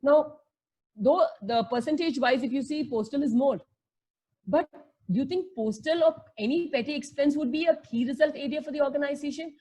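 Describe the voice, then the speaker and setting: A woman's voice: high voice, moderate pace, mellow, rough recording. A woman with an Indian accent teaching a lesson in a conversational way, explaining with everyday examples and checking in with questions. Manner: conversational, checks in with rhetorical questions and tag words; mixes Hindi phrases into English.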